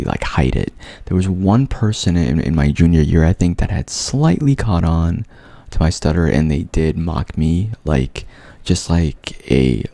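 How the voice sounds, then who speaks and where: A man's voice: deep voice, vocal fry, mellow, no echo. A young man with a stutter, earnestly telling his own story to his viewers, repeating sounds and words as he goes. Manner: earnest, open. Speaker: vlogger. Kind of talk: personal storytelling to camera.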